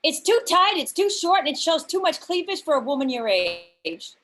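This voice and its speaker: A woman reading a sharp-tongued elderly mother who delivers blunt, deadpan insults in an amateur sitcom table read. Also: high voice, moderate pace. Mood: sardonic.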